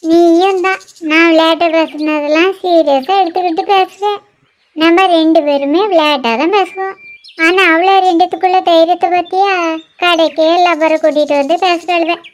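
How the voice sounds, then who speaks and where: A woman voices several bickering young women in a clothing shop for a cartoon, using one extremely high-pitched voice for all the girls. She sounds sharp-tongued and teasing, sometimes scolding.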